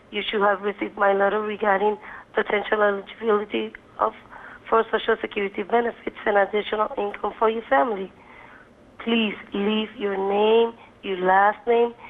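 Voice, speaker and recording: Recorded voicemail message, woman social worker, careful courteous delivery, mid-pitched, phone-line sound. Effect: recorded voicemail greeting played over the phone.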